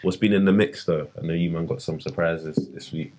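A man's voice: low-pitched, fairly even intonation, a little fast, a little mellow, no echo. A young man with a London roadman accent hosting casual, slangy podcast banter. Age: young adult. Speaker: podcast host. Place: small podcast studio. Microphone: boom-arm podcast microphone.

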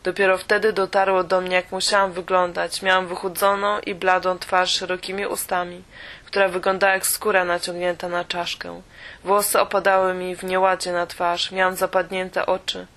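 Woman narrating an audiobook, flat and steady. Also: on the low side. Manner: steady, measured reading. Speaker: audiobook reader. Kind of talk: first-person audiobook narration.

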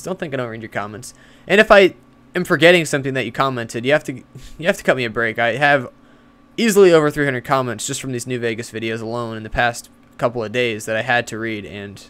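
A man giving casual let's-play commentary, chatty and easily spooked, who yells and swears when fights get tense. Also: medium pitch, slight background noise.

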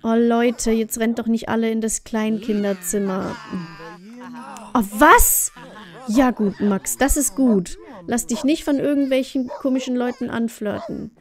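A woman's voice: a little high, fairly even intonation, a little slow. A woman hosting a let's play, chatting casually through her gameplay and talking directly to the game characters.

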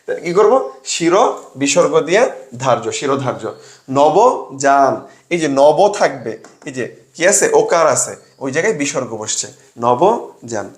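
A man's voice: mid-range voice, very animated, normal speed, long pauses, reverberant. A young man tutoring students for an admission exam, drilling grammar by asking a question and then answering it himself. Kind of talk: classroom lesson with sales pitch.

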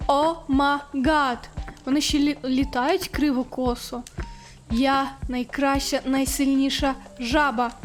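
Woman gaming streamer, high voice, excitable, shrieks when frustrated. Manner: talks to the game. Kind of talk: let's-play commentary.

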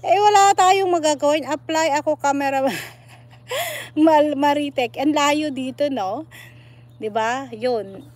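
High-voiced woman chatting in her garden. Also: a little mellow. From Philippines. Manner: chatty, rambling, reads viewer comments aloud. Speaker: vlogger. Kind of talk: casual live vlog chat. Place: outdoor garden, weeding. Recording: clear outdoor noise with birds.

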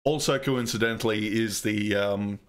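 Male host, casual let's-play chat, sweary and rambling, lowish voice. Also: moderate pace. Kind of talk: casual game commentary.

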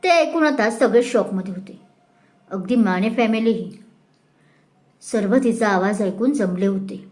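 A woman reading a serialized story aloud with an expressive, dramatic manner. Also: medium pitch, measured pace, long pauses. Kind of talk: storytelling narration.

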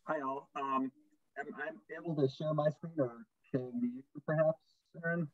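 A man's voice: a little high, fairly even intonation, moderate pace, dry recording. A man explaining a plan step by step on a video call, his voice muffled so that he sounds like he is underwater. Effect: muffled, underwater-sounding audio. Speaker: project presenter at a public meeting. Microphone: computer mic on a video call.

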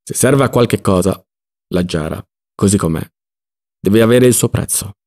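Male reader doing a shouting, indignant landowner with a gravelly edge; audiobook. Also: on the low side, moderate pace. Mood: scolding. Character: irascible rich male landowner, quick to shout.

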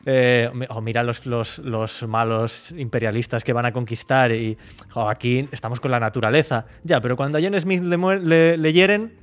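A man's voice: medium pitch, steady tone, normal speed. A man from co-hosting a podcast, wry and laughing as he talks. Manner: wry, laughs while talking. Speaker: podcast co-host. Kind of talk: casual chat.

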